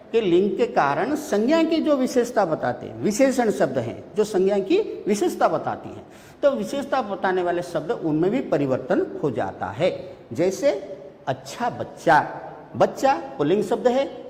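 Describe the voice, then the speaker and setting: A male teacher gives a classroom grammar lesson, naming example words one by one. His pitch rises and falls in a lively, sing-song way. The room is echoey, with a long reverb trailing each word. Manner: lists words one by one with many pauses.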